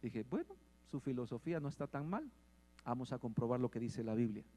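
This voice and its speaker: A man preaching a sermon, asking the congregation questions and growing louder at points. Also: medium pitch, very animated, brisk. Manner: asks the congregation questions and swells in volume. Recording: long hall reverb.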